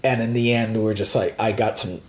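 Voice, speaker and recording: A man's voice: on the low side, fairly even intonation, a little fast, a little hiss or hum. A man from the United States chatting casually as a co-host, rambling and hesitant with many fillers. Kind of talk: casual chat. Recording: roomy echo.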